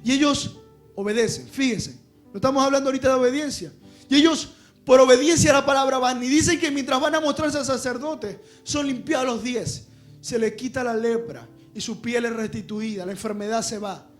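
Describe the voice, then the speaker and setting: A man preaches a sermon with an unusually high-pitched voice. He swings between loud, impassioned shouting and quiet, hushed stretches. Faint music plays underneath him. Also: brisk. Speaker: pastor.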